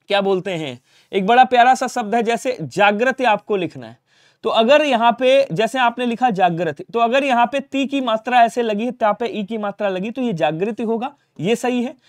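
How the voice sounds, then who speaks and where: High-voiced Hindi teacher drilling spellings. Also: male voice, expressive, moderate pace, no room sound, clean studio sound. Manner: coaxing, asks the class questions and answers them himself; repeats reminders to remember. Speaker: Hindi teacher for exam prep. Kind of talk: online exam-prep lesson.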